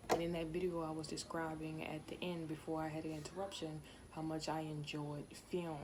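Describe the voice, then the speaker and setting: A young woman in her twenties rambles on to her camera at home, chatty and full of asides. Her voice sits fairly low. The home video recording has a clear hiss of noise behind her. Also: level tone, a little fast. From Louisiana, USA. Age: 20s. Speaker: vlogger. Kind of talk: casual talk to camera. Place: home, indoors.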